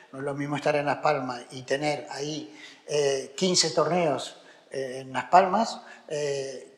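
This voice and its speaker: A middle-aged man from Argentina with an Argentine Spanish accent, a tennis coach answering interview questions hesitantly, with many fillers and restarts, growing emphatic. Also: medium pitch. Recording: echoey room with long reverb.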